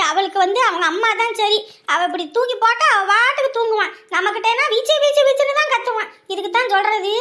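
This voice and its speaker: A woman playing a sharp-tongued village mother-in-law, nagging and taunting in a comedy skit. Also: very high-pitched. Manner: nagging, taunting, rapid scolding.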